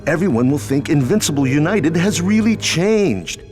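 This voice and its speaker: A scheming cartoon villain, acted by a man, slyly talking someone round. His fairly high voice rises and falls freely over loud music. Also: expressive, normal speed, natural voice. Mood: sly, persuasive. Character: scheming, persuasive male villain tempting a soccer captain. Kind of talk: cartoon voice acting.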